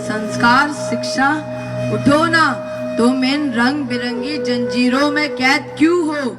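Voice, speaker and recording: Woman putting on a grumpy old grandpa, slow drawling, deep for her, heard from far off the stage, loud music behind. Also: steady tone. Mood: grumbling, worried. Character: sleepy old grandfather disturbed at his tea. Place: school stage.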